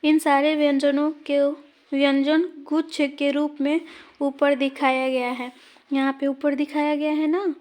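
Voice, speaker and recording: Slow, high-pitched woman teaching grammar. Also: level tone, darkish tone. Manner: slow, deliberate explaining, pointing to written examples. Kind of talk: exam-prep grammar lesson.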